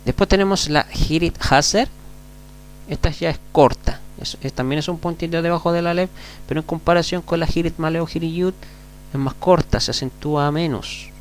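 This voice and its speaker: A man's voice: on the high side, normal speed. A man with a Chilean accent teaching a class, patiently repeating words and checking in with the listeners. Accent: Chilean Spanish. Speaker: Hebrew teacher. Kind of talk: classroom lecture. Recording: gravelly voice over faint mains hum.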